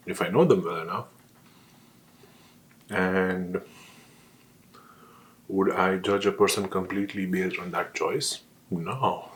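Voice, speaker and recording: A man on a casual solo rant, talking while eating with his mouth sometimes full, often asking questions and answering them himself. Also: deep voice. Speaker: vlogger.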